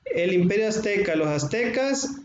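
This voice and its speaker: A man with a Mexican accent, a history teacher lecturing to his class and explaining slowly, stretching out words, with frequent filler sounds. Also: high voice, animated. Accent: Mexican Spanish. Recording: roomy, dull, faintly noisy.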